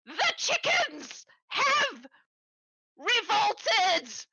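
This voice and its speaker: A small male goblin tinkerer, frantic and rambling, his voice shooting up high and bright into panicked yelps , played by a woman. The dry sound has no room echo. This is tabletop game role-play. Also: huge pitch swings, drawn-out words, heavily acted.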